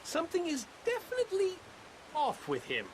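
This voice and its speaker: A woman's voice: very high-pitched, wildly swooping pitch, moderate pace, a little hiss or hum, exaggerated voice. An actress playing a stranded, haughty and chatty lady from New York City in an Old West video game, theatrical, genteel and wordy. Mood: grateful, confiding. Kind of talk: video game period drama acting.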